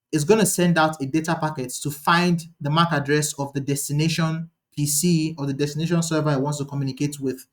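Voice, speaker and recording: A man teaching a live online lecture, talking quickly and thinking aloud, often restarting his sentences. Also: on the high side. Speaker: instructor.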